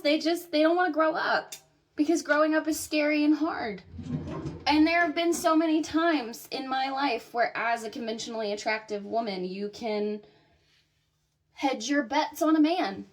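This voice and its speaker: A woman in her thirties from the American South, talking bluntly to camera about her own life and swearing freely. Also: high-pitched. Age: 30s. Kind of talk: candid personal monologue to camera.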